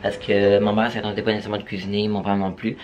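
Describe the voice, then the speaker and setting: A young man with a Quebec French accent talks casually to his camera at home, hesitating often and filling pauses. His voice sits fairly low. A faint hiss lies under the recording. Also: completely flat delivery, a little mellow. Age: young adult. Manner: chatty, full of fillers and hesitations. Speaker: vlogger. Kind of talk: casual vlog chat. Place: at home, indoors.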